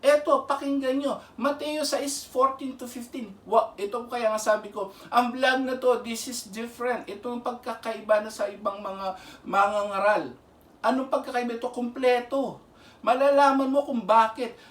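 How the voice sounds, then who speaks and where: A man's voice: extremely high pitch, fairly even intonation, moderate pace, a bit bright. A man preaching a Bible lesson as a lay minister. He speaks earnestly, pleads again and again for listeners to pay attention, and mixes English phrases into his Filipino. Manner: earnest, pleading, repeats "pakinggan nyo". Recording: roomy and distant from the mic.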